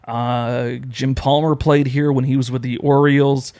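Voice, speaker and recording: A young man from upstate New York co-hosts a casual podcast, talking at a middling pitch. He tells long, animated stories full of restarts and asides, with an easy, rambling flow. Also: moderate pace, smooth. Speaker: podcast co-host. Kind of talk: casual chat.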